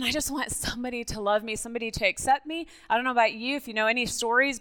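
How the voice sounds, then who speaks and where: This middle-aged Mexican woman, whose first language is Spanish, is a guest speaker at church recounting her personal testimony. Her fairly high voice has a clean tone, and she speaks in an animated, conversational style, often checking in with listeners.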